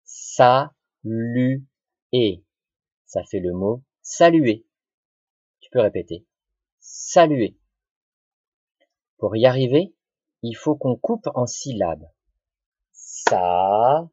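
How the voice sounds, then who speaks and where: A man teaches a children's spelling lesson, sounding out each syllable slowly and patiently. His voice is a little husky and close, in a dry small room. The recording is dull and lo-fi. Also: mid-range voice, warm tone, no echo. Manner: slow, patient, syllable-by-syllable dictation. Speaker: primary school teacher.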